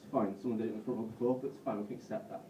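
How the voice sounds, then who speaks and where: A man in his twenties from Bolton with a Northern English accent, doing a live stand-up set in a self-deprecating, halting way with frequent swearing. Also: fairly low pitch, steady tone, a crowd in the background, noisy background. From Bolton, England. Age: 20s. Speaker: stand-up comedian. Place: comedy club stage. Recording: roomy, distant, muffled live recording.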